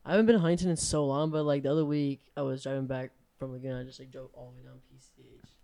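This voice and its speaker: A nineteen-year-old man from Southern California, a podcast guest chatting in a relaxed, giggly, slangy way. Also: medium pitch, rapid-fire, creaky. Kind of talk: casual chat.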